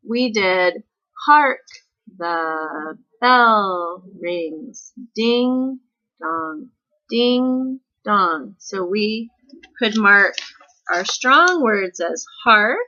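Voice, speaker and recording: A woman teaches a recorded music lesson, talking slowly and patiently and checking in often with her students. Her voice is bright and a little high. The recording sounds dull and lo-fi. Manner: patient, step-by-step explaining with frequent "okay?" checks.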